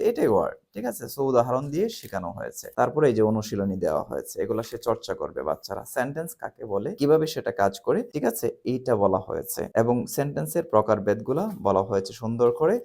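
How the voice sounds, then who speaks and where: A man whose first language is Bengali, walking through children's grammar books in a casual sales pitch and checking in often with the listener. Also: very animated, a little fast, gravelly, few pauses, a little mellow. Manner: chatty, keeps asking "right?" with a rising lift. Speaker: seller presenting children's English books. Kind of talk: casual product walkthrough.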